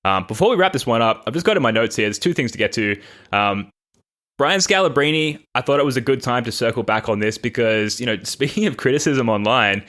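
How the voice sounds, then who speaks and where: A man's voice: medium pitch, expressive, fairly quick, fairly bright tone. An Australian man hosting a casual sports podcast, rambling and self-deprecating, laughing now and then. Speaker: podcast host.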